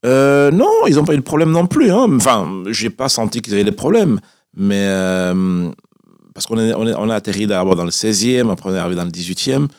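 Telling his personal story as a guest on a radio interview, a man from Cameroon in his forties speaks conversationally and repeats himself. His fairly low voice is lively, a little fast and slightly mellow, captured in a clean, dry studio.

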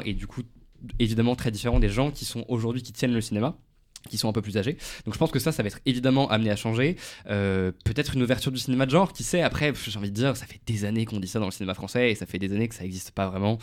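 A man's voice: lowish voice, a little mellow. A man, a short-film director, speaking as a guest on a casual radio interview, thinking aloud and searching for words.

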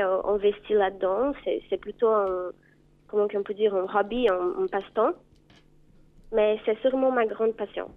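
Woman, 20s, Brazilian Portuguese accent, hesitant, filler pauses, thin phone-line sound. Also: medium pitch. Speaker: caller. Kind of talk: radio call-in chat.

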